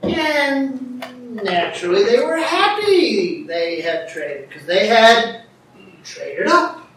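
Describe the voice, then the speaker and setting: A middle-aged man preaching a sermon as pastor, telling stories animatedly and shouting out quoted lines. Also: extremely high pitch, sing-song, slow, slight background noise. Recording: roomy echo, distant mic, faint ambience.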